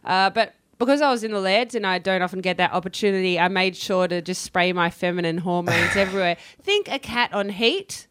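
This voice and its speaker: A woman's voice: fairly low pitch, fairly bright tone, smooth, no echo. Woman, radio co-host, wry banter, dry close studio mic. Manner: chatty and wry, quick to joke. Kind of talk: casual on-air banter.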